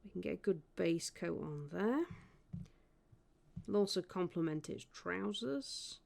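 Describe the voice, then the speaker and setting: A woman's voice: lowish voice, lively intonation, a little slow, vocal fry, a little mellow. A woman streaming as she paints miniatures, chatting casually and thinking aloud about her work. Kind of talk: casual live-stream chat.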